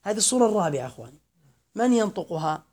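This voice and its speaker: A man giving a classroom grammar lesson, slowly reciting verse lines, then explaining them and quizzing his students. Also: high voice, very animated, darkish tone. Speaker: grammar teacher.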